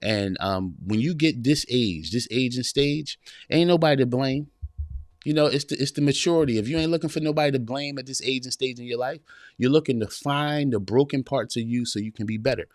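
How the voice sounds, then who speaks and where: Speaking briskly in a medium pitch, a podcast host in his forties streams live from a small home room. The recording is dry and studio-clean. His cadence resembles a preacher's, with repeated phrases and greetings to viewers.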